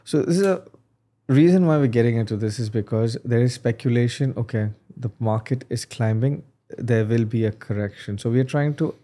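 A man in his thirties from Dubai hosting a podcast interview, animated and gesturing as he talks at a desk microphone. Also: medium pitch, brisk. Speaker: podcast host. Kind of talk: conversational interview. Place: studio set with desk. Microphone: desk boom mic.

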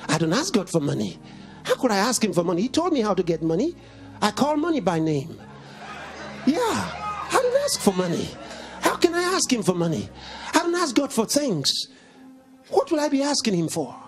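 A pastor in his fifties preaching to a congregation, emphatic and repetitive, swinging from shouts to low, quiet lines. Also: big pitch swings, a little fast, faint music behind. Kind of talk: sermon.

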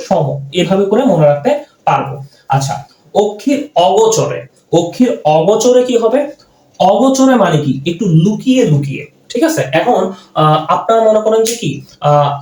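A man's voice: sits high, mellow, roomy sound. A man teaching an exam-prep grammar lesson, repeating points and answering his own questions step by step.

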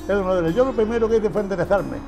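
An older man, a former patient, answers interview questions casually and plainly, repeating phrases and chuckling often. He talks rapid-fire in a high voice on a shaded outdoor patio, with a music bed underneath.

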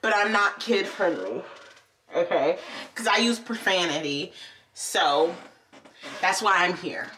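Playful, lively young woman vlogger. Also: fairly low pitch, slow pace, pauses often, recorded from a distance, slight background noise. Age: young adult. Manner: playful, rambling, laughing often; talks with her eyes closed. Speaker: beauty vlogger. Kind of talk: casual chat to camera.

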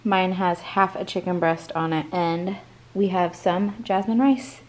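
A home cook vlogger in her forties narrates her cooking in a home kitchen, chatty and easygoing, often stopping mid-sentence to correct herself. She records on a handheld phone while moving around the counters. Her voice sits on the low side, darkish, steady and measured.

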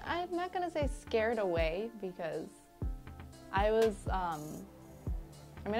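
A young woman from Liberia answering interview questions, chatty and laughing often, with frequent fillers. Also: medium pitch. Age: young adult. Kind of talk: casual interview. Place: indoor studio set with curtains. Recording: studio interview with music underneath. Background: background music.

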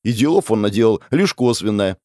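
A man's voice: on the low side, expressive, brisk, darkish tone, no room sound, studio quality, lightly acted. A man voicing a mocking, laid-back horseman of death in an audiobook. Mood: smug. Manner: smug, offhand.

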